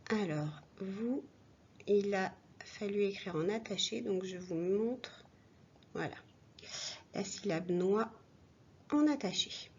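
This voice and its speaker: A woman teacher leads a slow, patient reading lesson for small children. Her voice is soft and a little husky. The recording sounds dull and lo-fi, like a home mic. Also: mid-range voice, animated. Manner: slow, clear, patient, addressing a child directly. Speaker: primary school teacher.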